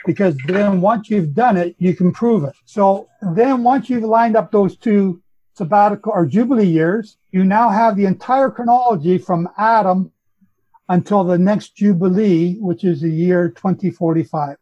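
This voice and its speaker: A high-voiced Canadian man lays out his chronology with insistence, correcting himself as he goes. The sound is muffled and lo-fi. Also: moderate pace. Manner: insistent, explanatory, self-correcting. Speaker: Bible chronology teacher. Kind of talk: teaching on a group call.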